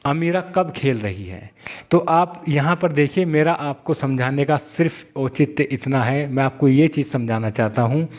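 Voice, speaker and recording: This is a man teaching an English grammar lesson in a plain, mid-pitched voice. He works through examples patiently and step by step. He often repeats himself and restarts his phrases as he goes. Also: a little slow, a little mellow. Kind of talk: classroom-style grammar lesson.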